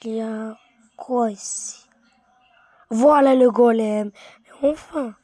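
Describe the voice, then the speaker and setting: Slow, half-whispering woman gamer. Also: on the high side, dark tone, dry recording. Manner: half-whispered muttering to herself, repetitive, easily bored. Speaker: gaming streamer. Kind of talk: casual gameplay commentary.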